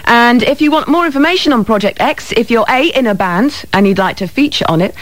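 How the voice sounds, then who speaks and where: A woman's voice: a little high, expressive, fairly quick, no echo. Woman, British accent, radio DJ, informal presenting, close mic, dry studio. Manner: informal, often adds tag questions like "okay?" and "isn't it?". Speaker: radio DJ and show host. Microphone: close studio microphone.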